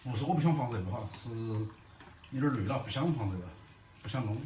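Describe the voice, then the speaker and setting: A man's voice: mid-range voice, lively intonation, quick pace, a little mellow. Middle-aged man vlogging in an echoey room. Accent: Southwestern Mandarin. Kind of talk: casual personal vlog narration. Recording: echoey, noisy room, distant mic.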